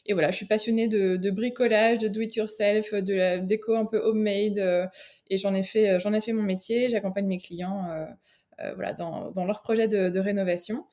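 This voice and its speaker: A woman's voice: medium pitch, fairly even intonation, normal speed, a little mellow. Hesitant woman guest. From France. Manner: hesitant, with frequent fillers and restarts. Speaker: guest, interior architect and decorator. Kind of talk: casual interview chat.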